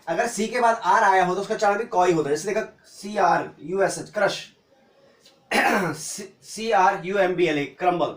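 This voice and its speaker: A man teaching an English pronunciation lesson, spelling out letters slowly and asking and answering his own questions. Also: sits high, distant mic. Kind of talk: classroom-style phonics lesson. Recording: echoey room, voice from off-mic.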